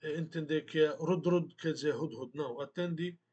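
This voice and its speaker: A man teaching a language lesson, speaking slowly and deliberately, repeating words for emphasis. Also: on the high side, a little mellow, breathy edge, lo-fi sound. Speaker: Arabic teacher.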